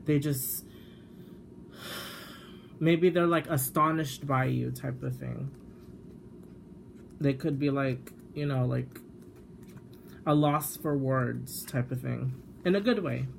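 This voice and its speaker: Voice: medium pitch, slow, creaky, long pauses, slight background noise. A tarot card reader talking casually to the camera in a chatty way, with lots of fillers and self-corrections. The reader sometimes steps away from the mic while shuffling.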